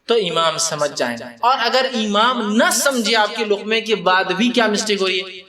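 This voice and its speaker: High-voiced man giving a lively religious talk. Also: a crowd in the background. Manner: lively, acts out people in the mosque. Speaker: Islamic religious teacher. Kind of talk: conversational religious lecture.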